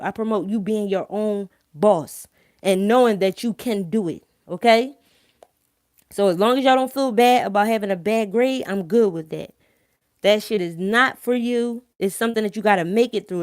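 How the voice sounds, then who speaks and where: Speaking at medium pitch and normal speed, this woman hosts a live stream and shares her opinions informally with viewers. Her thick Philadelphia accent carries blunt, emphatic, slang-heavy talk with plenty of swearing, and she keeps checking in with tag questions. The sound is clean studio quality with no echo.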